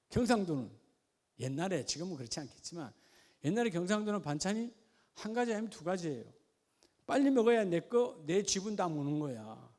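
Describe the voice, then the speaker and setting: Man, pastor, high voice, folksy sermon, questions to the congregation. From Gyeongsang region of Korea. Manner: folksy preaching with questions to the congregation, dropping to a quiet aside.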